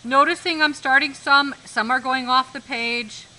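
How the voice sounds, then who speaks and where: A woman's voice: sits high, fairly even intonation, normal speed, pushed and bright, low-quality recording. A woman art teacher giving a live demonstration lesson in a classroom, instructive, repeating key points and checking that students follow.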